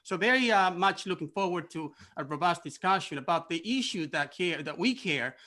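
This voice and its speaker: Bright-voiced man making his pitch. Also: expressive. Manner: earnest, halting with fillers. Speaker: political candidate. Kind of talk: forum opening statement.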